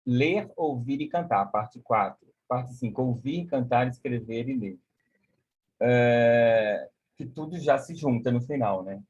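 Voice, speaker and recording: Husky man teaching music on a video call. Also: medium pitch, expressive, takes it slowly, highs cut off. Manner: explains warmly with many "né?", sings solfège syllables. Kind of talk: live online music lesson.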